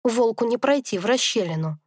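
A woman narrating a first-person fantasy audiobook in a calm, reflective storytelling manner. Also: a little high, a little fast, no room sound, studio quality.

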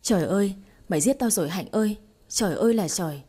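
Woman putting on a nasty older mother-in-law, shrill, fast, yelling at everyone, husky storybook voice. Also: lively intonation. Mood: wailing. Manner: shrill, scolding, rapid-fire.

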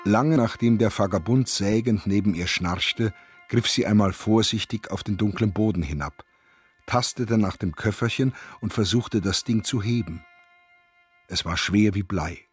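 A man narrating a radio drama in a measured, grave manner, with a husky voice. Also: on the low side, soft background music.

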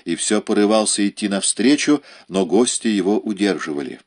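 A man reading a historical novel aloud as an audiobook narrator, measured and dramatic. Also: on the low side, animated, a little mellow. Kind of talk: scripted narration.

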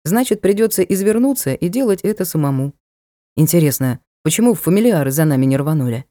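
A woman's voice: sits low, lively intonation, a little fast, mellow, no echo, studio quality. A woman voicing a blunt, mocking young male knight in an audiobook, brusque and matter-of-fact. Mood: teasing. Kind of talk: audiobook character voice.

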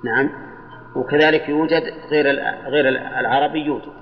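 Older male scholar teaching a class, slow and deliberate, old muffled lecture recording. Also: a little high, steady tone, a little hiss or hum. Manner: measured, drawing out quoted examples. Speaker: Islamic scholar teaching Arabic grammar. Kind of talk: classroom lesson with questions to students. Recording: dull old lecture tape in a reverberant hall.

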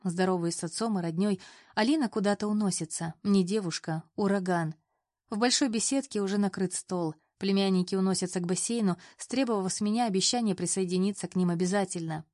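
A woman reading a first-person story aloud as a narrator, in an even, lively storytelling manner. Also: medium pitch, brisk, no room sound, clean studio sound. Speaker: audiobook reader. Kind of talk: scripted narration.

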